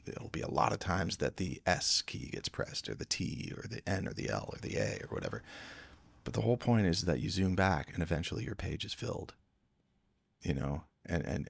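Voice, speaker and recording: A man's voice: sits low, vocal fry, husky, dry recording. A man from Canada, a music producer guest on a podcast, talking earnestly and reflectively and often repeating words as he thinks. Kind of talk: casual podcast conversation.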